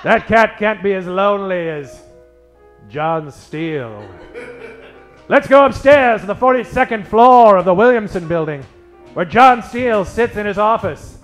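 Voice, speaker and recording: A man narrates a tongue-in-cheek radio detective show in the 1940s style, his voice sitting high with lively intonation. He is theatrical and melodramatic, drawing out his punchlines, with music playing behind him.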